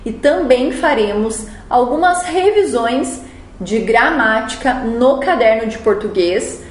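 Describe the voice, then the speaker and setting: A woman's voice: fairly high pitch, animated, slow pace, reverberant, slight background noise. A woman from Brazil teaching a remote class, patiently explaining each exercise step by step.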